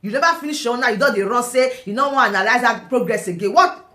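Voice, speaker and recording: A woman's voice: fairly high pitch, quick pace, bright, forceful tone. A Nigerian woman commenting on a vlog, combative and taunting, firing off rhetorical questions. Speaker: online political commentator. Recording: echoey room.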